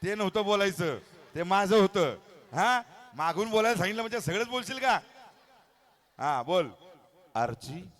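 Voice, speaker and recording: A man with a bright, high-set voice emcees a live outdoor stage show on a handheld mic. He coaxes and teases children in a playful way. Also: a little fast. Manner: playful, coaxing, teasing. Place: outdoor stage at a hotel lawn.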